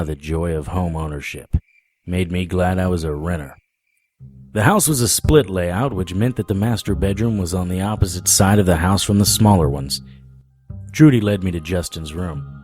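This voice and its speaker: An actor narrates a first-person noir audio drama as a wry, world-weary male paranormal investigator. His voice sits low, and his delivery is deadpan, wry and matter-of-fact.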